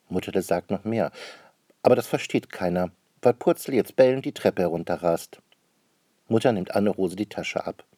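Husky man reading a children's story. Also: lowish voice, no room sound, studio quality. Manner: gently expressive reading. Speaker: narrator.

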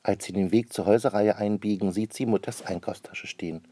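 A man narrating a children's storybook in a gently expressive reading. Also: lowish voice, a little fast, husky, no room sound.

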